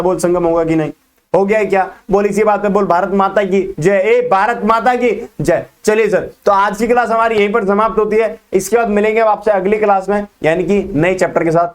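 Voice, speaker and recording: A male teacher with a high, bright-sounding voice races through a business studies lesson in quick-fire sprinkled with terms. He keeps checking in with his students through rapid questions, in an energetic classroom lecture style that never slows down. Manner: fast-talking, quizzes students with quick questions.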